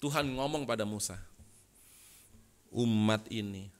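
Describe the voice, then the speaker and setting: A man preaching a sermon as pastor, swinging from loud bursts to soft asides and often addressing the congregation directly. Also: lowish voice, measured pace. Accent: Indonesian.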